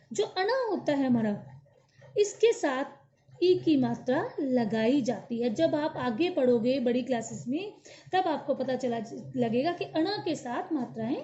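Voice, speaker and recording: A woman with a high, mellow voice teaches young children their letters slowly and patiently. She sounds out each syllable clearly so the class can repeat after her. The recording is dull and lo-fi. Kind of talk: slow Hindi alphabet lesson for young children.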